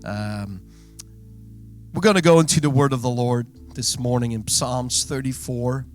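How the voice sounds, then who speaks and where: A man's voice: mid-range voice, measured pace, faint music behind. A man in his thirties from Belgium, a native Dutch speaker with a Belgian accent, preaching an earnest sermon as a guest pastor. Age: 30s. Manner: earnest preaching, warm asides to the congregation. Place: church sanctuary.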